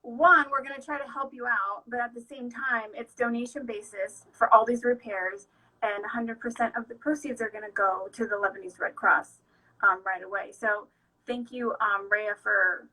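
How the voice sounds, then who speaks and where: A woman's voice: on the high side, fairly even intonation, moderate pace, sharp tone, low-quality recording. A woman hosting a casual chat in her shop, speaking enthusiastically with many fillers. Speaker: shop owner and host.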